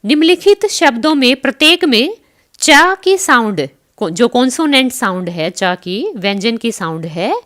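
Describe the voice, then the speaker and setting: Slow, lively-voiced woman teacher. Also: a little high. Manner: spells out words letter by letter, then says them slowly; reads English lines slowly, then explains them in Hindi. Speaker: English teacher. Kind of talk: online school lesson.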